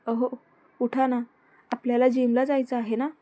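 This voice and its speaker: A woman voicing a shy young wife who pleads and coaxes, in a fairly high, even voice. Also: normal speed, no room sound, lightly acted. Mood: coaxing. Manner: pleading, coaxing.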